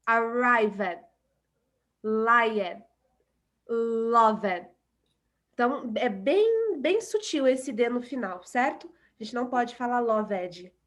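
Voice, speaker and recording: Brazilian woman, English teacher, patient and repetitive, slightly high voice. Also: big pitch swings, a bit bright. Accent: Brazilian Portuguese. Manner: patient, repeats example words slowly. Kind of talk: online class explanation.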